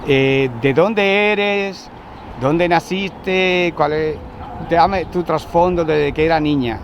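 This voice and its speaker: A man's voice: fairly high pitch, slow pace. A man hosting a religious interview, opening with blessings and leading his guest with pastoral questions. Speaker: interviewer, church host. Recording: noisy outdoor recording with traffic.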